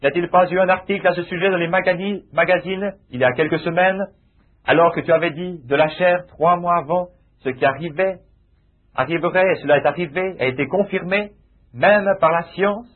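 A man's voice: sits high, a little fast. A man preaching a sermon with emphatic, repetitive phrasing that rises into exclamations. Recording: tinny lo-fi phone-like sound.

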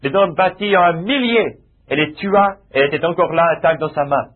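A man's voice: fairly high pitch, moderate pace. A man preaching a sermon with emphatic, repetitive phrasing that rises into exclamations. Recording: tinny lo-fi phone-like sound.

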